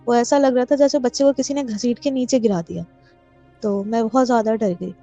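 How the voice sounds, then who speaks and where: A woman from Pakistan calling in to tell her own ghost story, pausing often with fillers and slipping English words into her speech. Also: fairly high pitch, steady tone, mellow. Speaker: caller sharing a personal story. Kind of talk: telling a true ghost story. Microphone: phone voice note. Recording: dull lo-fi voice note with faint music.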